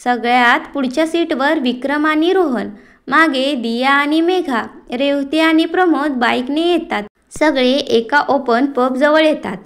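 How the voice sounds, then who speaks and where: A woman narrating a family story, reading it aloud in a descriptive, measured way. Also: sits high.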